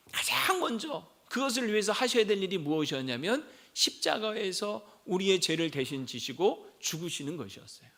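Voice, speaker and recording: Middle-aged guy pastor giving a sunday sermon, high voice that swings up and down a lot. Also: fairly bright tone. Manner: asks the congregation rhetorical questions and answers them; addresses listeners directly and often. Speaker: senior pastor.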